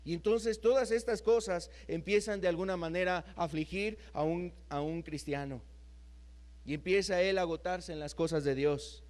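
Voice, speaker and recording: A man preaching a sermon in an earnest, repetitive way, sinking to a soft low voice on key phrases. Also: normal speed.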